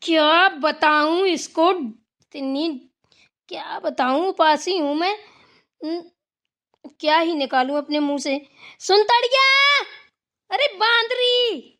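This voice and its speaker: A woman's voice: high-pitched, takes it slowly, long pauses, fairly bright tone, exaggerated voice. Woman voicing a stern, scolding cartoon mother-in-law. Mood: irritated. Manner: scolding, bossy, repeats "theek hai na". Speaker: voice actor. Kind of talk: Hindi cartoon voice acting.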